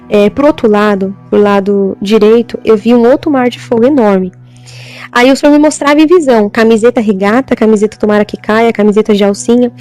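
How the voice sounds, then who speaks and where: Woman giving a halting testimony. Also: a little high, a little mellow. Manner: halting, repetitive, with frequent "amém?". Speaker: church member giving testimony. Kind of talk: religious testimony.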